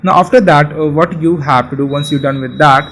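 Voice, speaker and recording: A man's voice: a little high, steady tone, a little fast, fairly bright tone, poor audio. Man with fillers walking through code. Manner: casual, repetitive, many fillers and restarts. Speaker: coding tutorial host. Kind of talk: screen-share coding tutorial.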